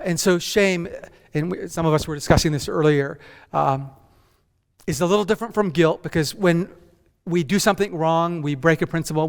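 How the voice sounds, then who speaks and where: A man born in Japan and raised in North America, preaching a measured, emphatic conference sermon as senior pastor that builds through repeated phrases. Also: on the high side. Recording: long hall reverb.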